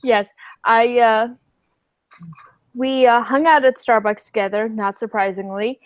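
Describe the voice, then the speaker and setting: A young woman in a casual chat, hesitant and soft-spoken as she talks about herself. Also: on the high side, steady tone, measured pace, dry recording.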